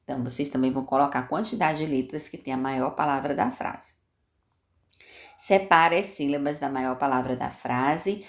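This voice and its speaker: A patient woman teacher explains schoolwork step by step to young children. Her voice sits low and has a gravelly edge. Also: moderate pace. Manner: patient, repeats steps, asks and answers questions. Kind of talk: explaining homework to young pupils.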